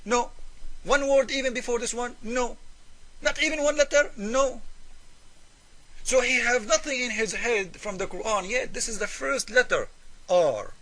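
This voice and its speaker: Animated yet measured in pace, with frequent pauses, a high, bright-voiced man makes his case forcefully in English. As a religious debater and presenter giving polemical commentary, he repeats points, asks rhetorical questions, and uses irregular non-native grammar.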